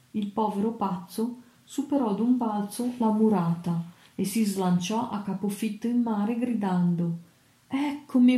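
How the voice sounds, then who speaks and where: A woman reads a seafaring tale aloud in a steady, measured way, her voice very dark and mellow. The recording carries a noticeable room echo around her. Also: mid-range voice. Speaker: audiobook narrator. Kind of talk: audiobook reading of an adventure novel.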